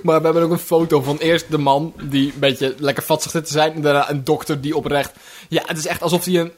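A young man chatting casually as a podcast co-host. His voice sits a little higher than most men's, and he talks in a hesitant, self-deprecating way, breaking into laughs between his sentences. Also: level tone, fast. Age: young adult. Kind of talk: casual chat.

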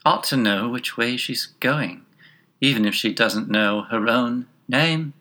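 A patronising storybook gentleman, acted out by a narrator, advises in a slow, fatherly way. The voice is bright and measured, with a confiding air. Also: mid-range voice.

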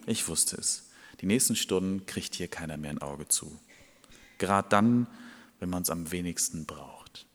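A man's voice: low voice, a little slow, long reverb tail, pitched below the performer's own voice. A man acting out an irritated man, woken at midnight by a friend, who scolds him for knocking. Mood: grumbling. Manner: irritated, scolding, hushed at times.

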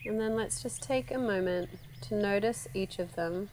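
A woman guiding a relaxation meditation, speaking slowly and softly with long pauses. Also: medium pitch, a little hiss or hum. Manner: slow, soft, calm with long pauses. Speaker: meditation guide.

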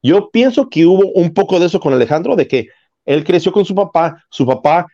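A man's voice: high-pitched, animated, a little fast, warm tone. Man explaining through analogies. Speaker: podcast co-host. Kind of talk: casual podcast chat. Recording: slightly dull lo-fi sound.

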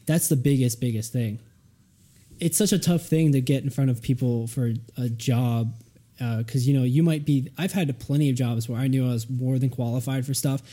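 A man's voice: medium pitch, moderate pace, dark tone. A man co-hosting a casual podcast chat, musing thoughtfully and rambling with many fillers. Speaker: podcast co-host.

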